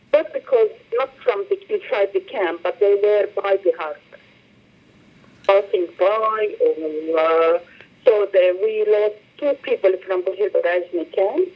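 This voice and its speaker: Over a muffled phone line, a middle-aged Lebanese woman who directs a humanitarian organization gives a halting interview in English. Arabic is her first language, and her mid-range voice often repeats words as she searches for phrasing.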